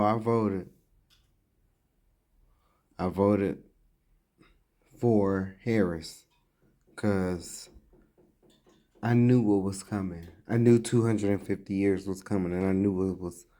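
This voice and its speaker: A man delivering blunt, emphatic vlog commentary in an unhurried, deliberate way. His voice sits somewhat low. He reads old scripture passages and then explains them in plain, direct talk. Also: mellow. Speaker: vlogger giving commentary.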